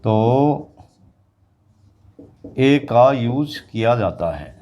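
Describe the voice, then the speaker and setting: A man teaching an English grammar lesson to students, explaining slowly and repeating example words. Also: medium pitch, animated, darkish tone. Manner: slow, repetitive explaining, addressing students directly.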